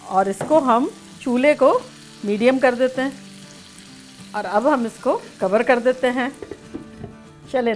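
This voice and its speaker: A chatty, playful woman walks through a home recipe in a fairly high voice. Soft music and a sizzling pan sit behind her as she talks. She keeps an easy, homey tone throughout. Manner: chatty, playful, sings snatches of songs. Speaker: cooking show host. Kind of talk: home cooking demonstration.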